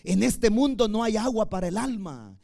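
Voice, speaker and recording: A man preaching a sermon, emphatic, swinging between loud declarations and soft asides. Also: high-pitched, sing-song, moderate pace, vocal fry.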